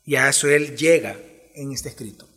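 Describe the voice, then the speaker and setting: A man's voice: medium pitch, normal speed, sharp tone. A man preaching an expository sermon, speaking directly to his congregation and shifting his pace and emphasis as he explains a text. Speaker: pastor. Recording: long hall reverb.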